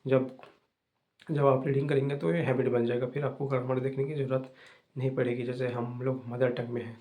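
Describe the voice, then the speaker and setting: A young man hosting an English-learning channel, giving fast, repetitive, casual advice to viewers. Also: medium pitch, level tone, warm tone.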